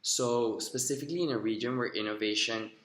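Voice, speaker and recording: A man's voice: mid-range voice, brisk, fairly bright tone, reverberant. A young man from Rica, giving earnest, rehearsed answers in a recorded video interview, with a few fillers. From Costa Rica. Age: young adult. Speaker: job applicant. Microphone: recorded himself on video.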